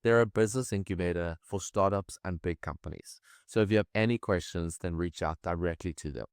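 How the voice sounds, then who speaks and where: Male host, deep smooth voice, dry close mic, for the sponsor message. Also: brisk, no room sound. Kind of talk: short sponsor announcement.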